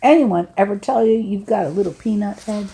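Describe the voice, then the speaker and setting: A woman's voice: medium pitch, brisk, gravelly, warm tone, voice pushed up, natural voice, rough recording. A woman reader voicing a jovial, teasing older man, a grandfather, in a folksy, joking way.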